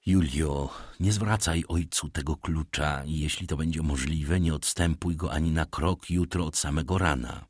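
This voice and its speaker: A man's voice: a bass voice, normal speed, hardly any pauses, no room sound, clean studio sound, voice pushed down. A man reading as an earnest young clerk. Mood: urgent. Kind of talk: audiobook character reading.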